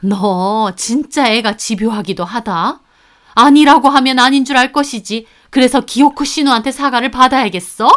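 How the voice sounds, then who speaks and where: A woman's voice: medium pitch, measured pace, close to an everyday voice. A woman voicing a middle-aged mother-in-law who scolds and dismisses her daughter-in-law in a told story. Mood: scolding.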